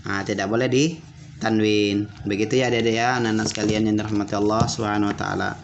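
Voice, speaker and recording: A man teaching basic Arabic to children, repeating words slowly and checking that they understood. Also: fairly low pitch, little pitch movement, vocal fry. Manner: repeats words slowly and asks questions back. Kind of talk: classroom lesson for children. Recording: dull lo-fi audio with faint room noise.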